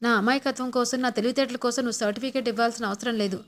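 A stern older father-in-law who runs his household and asks short, firm questions at a brisk clip, as a woman reads him out. The voice sits a little high, the speaker's own. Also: fairly even intonation, lightly acted. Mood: stern questioning.

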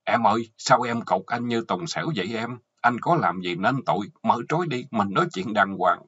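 Guy doing a scared pleading husband, low husky voice, southern vietnamese accent, dull lo-fi sound. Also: lively intonation, normal speed, a bit bright, dry recording. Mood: panicked. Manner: pleading, frightened. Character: panicked older husband, pleading. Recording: dull lo-fi audio.

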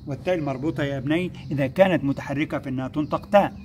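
Male schoolteacher, slightly high voice, patient step-by-step lesson delivery, faint hiss on the track. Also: darkish tone. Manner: patient, explains step by step, slows to sound out syllables; addresses pupils as "my sons", praises them. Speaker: first-grade Arabic teacher. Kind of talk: recorded classroom lesson.

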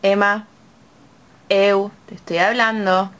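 A woman's voice: mid-range voice, level tone, slow pace, fairly bright tone. A woman with a Rioplatense Spanish accent, a mother who is sick and tired, coaxing her baby in singsong baby talk on a home video.

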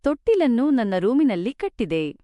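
A woman voicing a gentle, patient elderly mother-in-law who speaks softly and soothingly in a spoken storybook. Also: fairly high pitch, big pitch swings, normal speed, no room sound, dull audio. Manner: soft, soothing.

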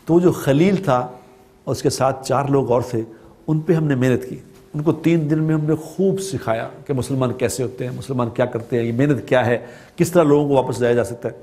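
A man's voice: mid-range voice, dark tone. A man from Pakistan giving a religious talk, telling a story with repeated phrases for emphasis. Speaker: preacher.

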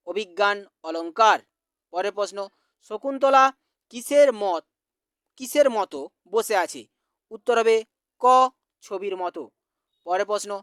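A teacher from West Bengal slowly reading out exam quiz answers, repeating each question. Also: medium pitch, dry recording, studio quality.

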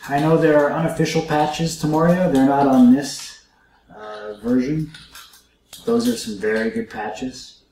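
A man talks his viewers through a game in a relaxed, musing way, addressing them directly as he plays. His voice sits at an ordinary middle pitch. The room gives it a noticeable echo, with faint background clatter. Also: unhurried, a little hiss or hum. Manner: chatty, musing aloud to viewers. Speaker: let's play host. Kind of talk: casual gameplay commentary.

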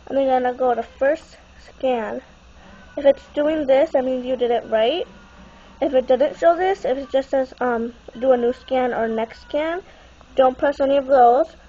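A woman's voice: sits high, normal speed, warm tone. A young woman with a stuffy, congested-sounding nasal voice, giving a casual unscripted how-to walkthrough into a handheld phone. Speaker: tutorial presenter. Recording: muffled, noisy phone camera recording.

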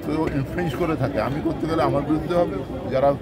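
An older man, a former fire official, gives halting, improvised answers to reporters outdoors, slipping in English phrases. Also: a little high, steady tone. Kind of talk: impromptu press statement. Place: outdoors at a busy street scene. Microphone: press microphones held close. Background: crowd noise.

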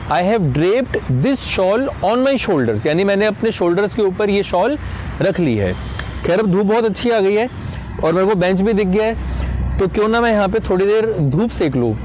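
A young man, a native Hindi speaker, teaching English vocabulary in a casual video lesson, spelling out English examples slowly. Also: high voice, a little mellow, a little hiss or hum. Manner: explains slowly, says English examples deliberately.

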